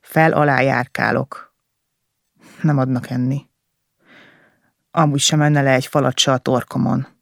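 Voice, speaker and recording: A man reading a first-person novel aloud as an audiobook narrator, with an intense, emotional delivery in short, halting phrases. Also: mid-range voice, little pitch movement, creaky, a bit bright, dry recording, studio quality.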